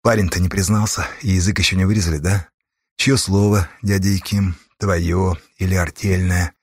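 A cold male gang leader in an audiobook speaks quietly and matter-of-factly, with no open threat in his tone, voiced by a male reader. The voice is husky and close. His calm carries the menace. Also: sits low, normal speed, dry recording, pitched below the performer's own voice.

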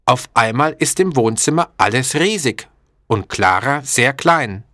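Slow, expressive male storybook narrator. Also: medium pitch, no echo, clean studio sound. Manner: clear, deliberate, expressive.

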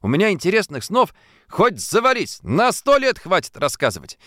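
A man's voice: a little high, very animated, moderate pace, fairly bright tone, no echo, studio quality, pitched above the performer's own voice. A man reading an audiobook, voicing an earnest, eager young man who talks persuasively. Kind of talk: audiobook character voice.

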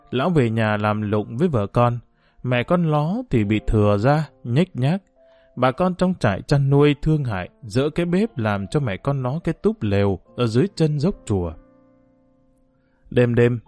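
A man narrating a novel as an audiobook in an expressive storytelling manner. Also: medium pitch.

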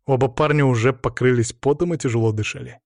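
Brief: male first-person audiobook narrator, steady and measured, mid pitch, dry close-mic sound. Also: creaky, dry recording.

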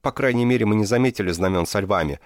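A man voicing a frantic young warrior who cries out his news in high, loud, breathless bursts. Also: fast talker, dry recording, studio quality, lightly acted.

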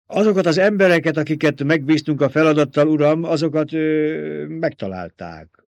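A nervous underling reports to his master with halting deference, as a male narrator voices him. The delivery is hesitant and humble, and the recording is dry and close. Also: on the high side, lively intonation, creaky, a little mellow, dry recording, voice pushed up. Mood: deferential.

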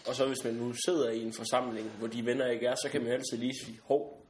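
A man's voice: mid-range voice, little pitch movement. Man hosting a casual chat. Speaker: podcast host. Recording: roomy sound with faint noise.

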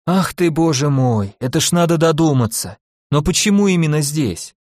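A man's voice: a little high, animated, moderate pace, darkish tone, no room sound, clean studio sound. A man reading an audiobook, voicing a chatty, nosy old village woman who uses folksy exclamations. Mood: fussy.

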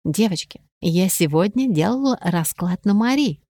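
A woman reading aloud, voicing an eager young female witch and fortune-teller in an audiobook, with hushed excitement. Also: medium pitch, normal speed, dry recording. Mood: excited.

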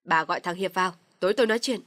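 A woman voicing an older father-in-law who gives loud, commanding orders to his family in an audio story. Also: lowish voice, very fast, no echo, studio quality, natural voice. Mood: stern commanding.

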